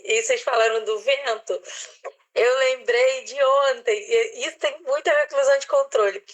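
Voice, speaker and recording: Brazilian woman, a little high-pitched, casual talk, halting and self-correcting. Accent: Brazilian Portuguese. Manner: hesitant, searching for words, many restarts. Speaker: participant in a psychoanalysis online discussion. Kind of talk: casual reflective discussion.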